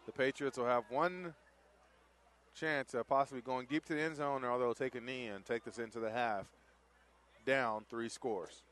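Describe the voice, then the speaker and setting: A man calling play-by-play at a high school football game, brisk and excitable. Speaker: play-by-play announcer.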